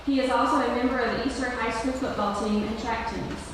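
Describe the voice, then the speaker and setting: A woman's voice: on the high side, steady tone, quick pace. A woman presenting a scholarship at a school ceremony, reading prepared remarks as a podium speech. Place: large echoey room at a school ceremony. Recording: echoey hall, distant mic, clear background noise.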